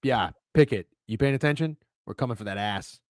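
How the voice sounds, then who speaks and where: A man co-hosting a sports betting podcast in casual chat, excitable, swearing freely and tripping over his words. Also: medium pitch, brisk, dry recording, clean studio sound.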